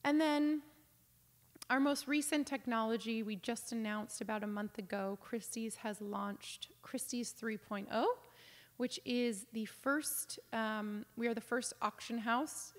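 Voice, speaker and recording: Woman lecturing with long reverb. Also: mid-range voice. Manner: conversational, many ums, enthusiastic asides. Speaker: auction house business development director giving a lecture. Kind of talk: informal lecture over slides.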